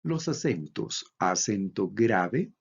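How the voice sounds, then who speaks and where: A man from Bolivia giving a recorded lecture, reading out examples slowly and deliberately. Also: on the low side, sing-song, vocal fry, husky. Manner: slow, deliberate, reads out examples. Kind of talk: recorded lecture on Greek accents. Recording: dull lo-fi recording.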